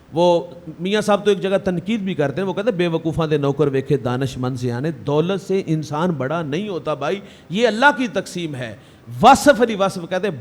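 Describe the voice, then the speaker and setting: A man preaching a sermon, telling stories with emotive, rhythmic delivery and acting out quoted voices. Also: on the high side. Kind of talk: Urdu religious sermon with storytelling.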